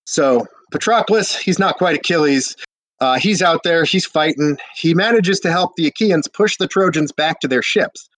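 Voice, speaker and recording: A man's voice: on the high side, normal speed, fairly bright tone, no room sound, poor audio. A drunk young man retelling an old epic in a rambling, slangy way, with hiccups and lots of fillers. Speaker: drunk storyteller.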